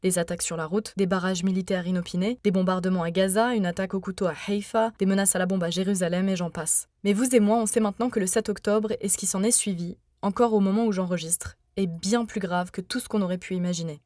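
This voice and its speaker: A young woman from France narrating her own podcast in an earnest, measured, personal way. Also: mid-range voice, fairly even intonation, a little mellow, no echo, clean studio sound. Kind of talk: scripted first-person narration.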